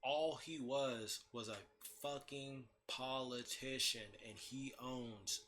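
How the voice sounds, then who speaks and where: Man, casual profane rant, bright voice, blunt and heated, faint background noise. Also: medium pitch, fairly even intonation, takes it slowly. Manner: blunt and heated, swears constantly, restarts mid-sentence. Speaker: host ranting on his own channel.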